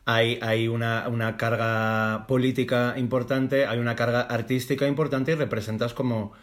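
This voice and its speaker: A young man from hosting a podcast, speaking at a mid pitch. His talk is chatty, enthusiastic and playful, with a light, joking manner. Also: flat delivery, normal speed. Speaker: podcast host. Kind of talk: casual podcast interview.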